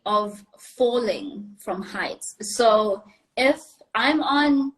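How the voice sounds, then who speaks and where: A woman's voice: a little high, lively intonation, drawn-out words, poor audio. Chatty woman pilot on a call. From South Africa. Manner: chatty, apologetic, laughs easily, explains step by step. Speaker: pilot being interviewed. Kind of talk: casual interview answers. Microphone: video call.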